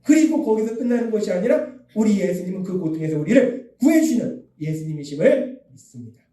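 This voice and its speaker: Pastor guy preaching sunday sermon, dark mellow voice, repeats his key lines, far off in a big echoey room. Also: high voice, very animated, fairly quick. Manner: emphatic, repeats key phrases, acts out quoted speech.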